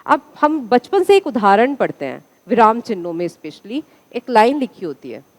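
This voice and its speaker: Lively woman lecturing a class. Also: fairly high pitch, normal speed. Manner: asks the class questions and answers them herself. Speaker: teacher.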